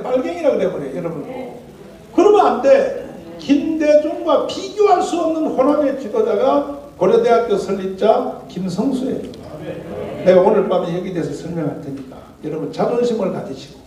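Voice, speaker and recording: A man in his sixties with a Gyeongsang accent, preaching a fiery political sermon at a breakfast gathering, swinging from low mutters to loud shouts. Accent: Gyeongsang Korean. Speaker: pastor. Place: large hall at a breakfast gathering. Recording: echoey hall, mic at a distance.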